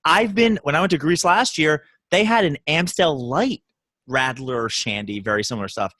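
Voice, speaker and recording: A man's voice: fairly high pitch, normal speed, no echo. A man in his thirties with a Baltimore accent, co-hosting a podcast in casual, rambling chat. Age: 30s. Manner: animated storytelling, rambling with restarts. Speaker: podcast co-host.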